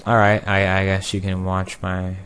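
A young man casually commenting on his own gameplay, joking and sarcastic, with sudden loud outbursts. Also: deep voice, completely flat delivery, normal speed, slight background noise. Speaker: gameplay video creator.

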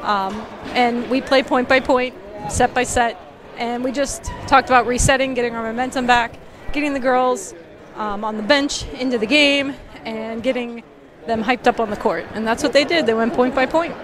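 A woman's voice: fairly high pitch, normal speed, crowd noise. Earnest woman coach with lots of ums. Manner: earnest, many filler ums. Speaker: high school volleyball coach. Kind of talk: postgame interview. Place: empty indoor gym courtside. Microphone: headset mic.

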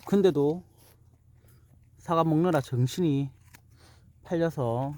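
A man's voice: fairly high pitch, slow pace, darkish tone, no echo. A man casually narrating a homemade pet video outdoors while he films, now and then chatting to the animal. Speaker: vlogger filming own dog. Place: outdoors in an apple orchard.

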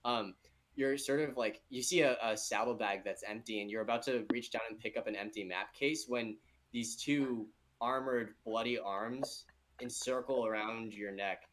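A man's voice: mid-range voice, moderate pace, noisy background. A man narrating a tabletop game off the cuff as game master, in a casual way.

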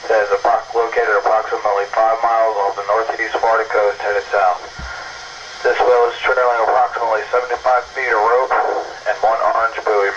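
A man reading an official coast guard safety notice over a marine VHF radio transmission in a formal, steady way. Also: fairly low pitch, lo-fi sound. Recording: noisy radio broadcast.

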